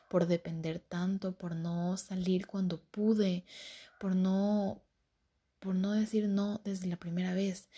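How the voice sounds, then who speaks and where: A woman's voice: mid-range voice, mellow, breathy edge. A young woman candidly recounting a painful personal story, emotional and blunt, repeating herself and swearing now and then.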